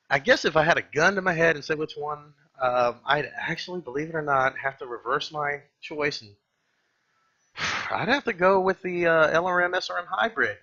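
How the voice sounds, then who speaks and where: A man hosts a casual gaming review with a rough, husky edge to his forceful voice. He rambles and halts, correcting himself as he goes and dropping blunt slang. The microphone sound is slightly dull and lo-fi. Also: fairly high pitch. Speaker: gaming video host. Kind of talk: casual off-the-cuff game commentary and review.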